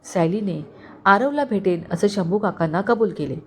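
A woman storyteller narrating a romantic family story in a calm, steady reading voice. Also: medium pitch, moderate pace, slight background noise.

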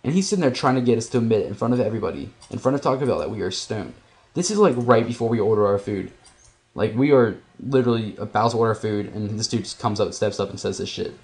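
A man's voice: fairly low pitch, animated, quick pace, a little mellow. A young man telling a rambling, profane story in a laid-back way while he plays a game, as a gaming vlogger.

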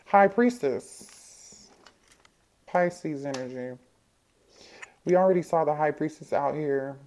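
Low-voiced woman reading tarot aloud. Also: takes it slowly, darkish tone, slight background noise. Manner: thinks aloud, talks to the cards, repeats herself. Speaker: tarot reader. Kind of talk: casual tarot reading to viewers.

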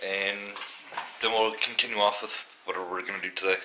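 A man's voice: lowish voice, steady tone, fairly quick. A man in his thirties, a vlogger chatting casually and teasing from a parked car, picked up by a dashboard camera. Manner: joking, teasing. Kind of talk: casual chat. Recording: noisy car interior.

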